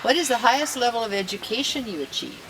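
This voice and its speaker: A woman's voice: on the high side, animated, fast. A woman in her sixties conducting a conversational oral history interview. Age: 60s. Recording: noisy recording with ambient sound.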